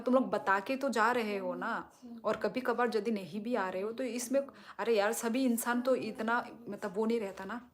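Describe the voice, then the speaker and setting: A woman hosting a live stream, reading viewers' comments and reassuring them at length. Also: mid-range voice. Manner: talks directly to viewers, reassuring and explaining at length. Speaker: livestream host.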